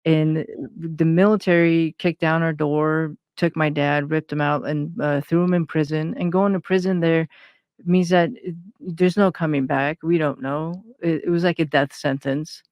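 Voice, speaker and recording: Interview guest: woman from Iran, hesitant delivery, smooth tone, dry close recording. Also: low voice, steady tone, normal speed, no echo, highs cut off. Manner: hesitant, many fillers and restarts. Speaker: guest, intuitive consultant. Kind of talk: personal interview talk.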